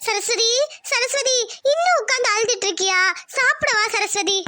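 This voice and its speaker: An actress playing a caring young daughter-in-law in a cartoon drama, gently coaxing the family to eat. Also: female voice, very high voice, lively intonation, normal speed, a little hiss or hum, heavily acted. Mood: consoling. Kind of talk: Tamil cartoon drama voice acting.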